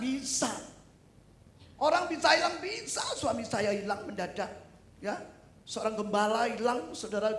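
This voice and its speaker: A middle-aged woman from East Java, a pastor preaching a sermon in an animated way, with loud exclamations and humorous asides. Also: medium pitch. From East Java, Indonesia. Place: church service hall. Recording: echoey hall with faint noise.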